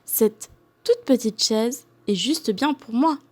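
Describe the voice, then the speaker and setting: A curious little girl who talks sweetly and politely, as a woman reading aloud puts her on. Her voice is light and a little raised, in a gentle storybook tone. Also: on the high side, expressive, slow pace.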